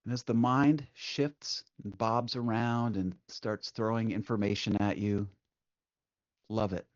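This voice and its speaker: A man guides a meditation in a gentle, soothing, unhurried way, leaving long pauses between short instructions. His voice is lowish and steady in tone. The audio is dull, with no room sound.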